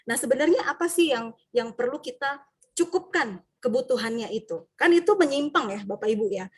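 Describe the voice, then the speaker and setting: Teacher lady, kinda husky, highish voice, chatty, lots of "gitu ya". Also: a little fast. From Indonesia. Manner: lively, acts out student and teacher voices; frequent tag questions. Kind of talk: workshop talk to fellow teachers.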